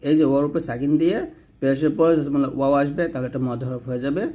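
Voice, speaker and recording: A man teaching correct Quran recitation, drawing out each word slowly, then explaining pronunciation quickly and asking listeners to repeat after him. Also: medium pitch, warm tone. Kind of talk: slow recitation lesson with explanations.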